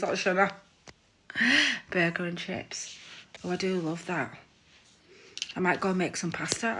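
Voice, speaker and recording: A woman's voice: lowish voice, pushed and bright. A woman hosting a casual live stream from her room at home, chatting and gossiping into her phone, laughing at herself.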